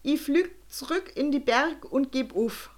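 A woman voicing an excitable male balloonist who speaks broad Swabian dialect in drawn-out exclamations. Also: high voice, pitched above the performer's own voice. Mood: chatty.

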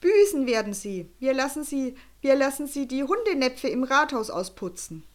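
A woman's voice: high voice, big pitch swings, moderate pace, pitched above the performer's own voice. A woman voicing a spiteful male town official who scolds and threatens. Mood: furious.

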